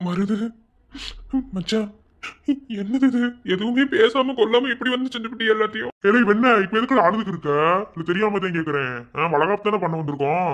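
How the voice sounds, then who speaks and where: Brief: a man playing a quick-talking, high-voiced Madurai villager who teases his friends. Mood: teasing. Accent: Madurai Tamil. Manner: blunt, teasing, slangy.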